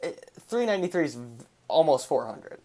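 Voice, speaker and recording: A young co-host chatting casually about baseball, mostly agreeing in short bursts and stumbling over the starts of sentences. The voice sits in a middle pitch. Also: sing-song, moderate pace, dark tone. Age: young adult. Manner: agreeable, short replies with hesitant restarts. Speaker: podcast co-host. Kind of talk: casual chat.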